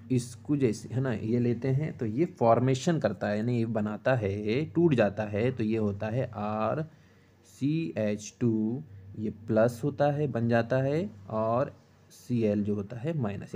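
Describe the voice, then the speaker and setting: A man in middle age teaches an exam-prep chemistry lesson in a mellow, relaxed voice at a middling pitch. He works through each step slowly, asks his own questions aloud and answers them, and keeps checking in with his students. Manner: steady rhythm of short checks to the class.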